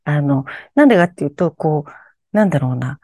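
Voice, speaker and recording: A woman's voice: low-pitched, lively intonation, brisk, mellow, no room sound, clean studio sound. A woman telling her own strange, eerie experiences in conversation, animatedly acting out her startled reactions.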